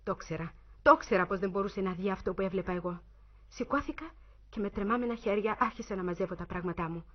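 A woman narrating a suspense story in the first person, in an expressive, dramatic reading style. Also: medium pitch. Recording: muffled lo-fi recording.

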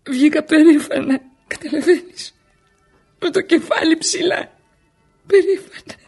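Radio drama: a worn-out, scared wife far from home, raspy and gravelly, confessing her fears. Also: medium pitch, animated, a little mellow, faint music behind, exaggerated voice. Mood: panicked. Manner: emotional, confessional monologue. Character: frightened, exhausted wife, an immigrant feeling alone. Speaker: wife of an injured worker.

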